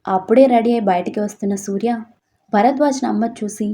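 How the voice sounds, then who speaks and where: A woman storyteller reading a scripted story in a steady, expressive way. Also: on the high side, brisk.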